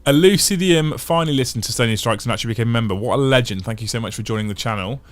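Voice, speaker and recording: A rapid-fire man with a medium-pitched voice and no echo hosts a casual livestream, chatting and reading viewer comments. He thinks out loud in long stretches, with frequent restarts and repeated phrases.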